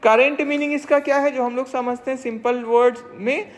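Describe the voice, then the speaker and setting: A teacher giving an exam-prep lecture, reading English definitions slowly and then explaining them, often checking with quick tag questions. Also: sits high, steady tone. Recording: long reverb, echoey room.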